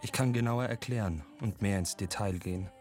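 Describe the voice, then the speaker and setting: A man reading a voice-over translation in a calm, even way. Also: lowish voice, a little fast, faint music behind.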